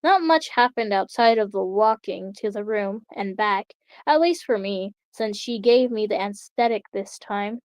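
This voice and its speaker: A woman reading aloud as a shaken young female test subject, speaking haltingly. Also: medium pitch, lively intonation, dry recording, close to an everyday voice. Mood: hesitant. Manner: halting, hesitant.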